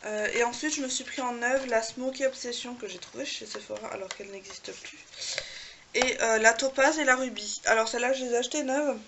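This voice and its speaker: A woman vlogger chatting about her makeup palettes in a relaxed, hesitant way, with lots of fillers. Her voice sits fairly high with a gravelly edge. The home recording carries a clear background hiss. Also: a little fast. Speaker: beauty vlogger. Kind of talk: casual show-and-tell of makeup palettes.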